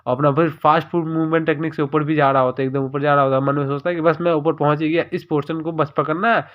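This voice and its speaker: A man narrating a story recap in a rapid, informal retelling. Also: fairly high pitch, fairly even intonation, lo-fi sound.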